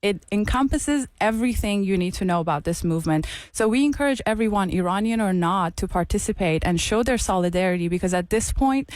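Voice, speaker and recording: A woman's voice: medium pitch, expressive, a little fast, few pauses, a little mellow, dry recording. Earnest woman. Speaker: interview guest, mental health clinician and activist. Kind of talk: radio interview, advocacy. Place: radio studio.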